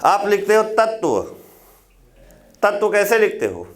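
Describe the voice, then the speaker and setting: A man with a fairly high voice teaches a Hindi grammar lecture for exam preparation. He goes step by step, repeats key words so students can write them down, and keeps checking in with short questions. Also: very animated, takes it slowly. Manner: explains step by step with tag questions.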